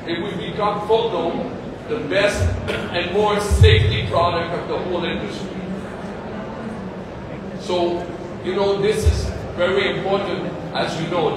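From the stage of a big, booming convention hall, a male founder from Canada pitches his product in halting, non-native English built from short, plain sentences. The audio comes from a phone camera far off in the audience, leaving it echoey and very noisy.

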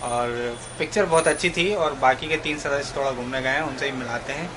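A man's voice: mid-range voice, brisk. A man in his thirties vlogging casually as he travels, talking straight to his viewers, recorded in a car on an action camera held at arm's length. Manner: chatty, addresses viewers directly. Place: inside a car on a highway. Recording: road and car noise behind.

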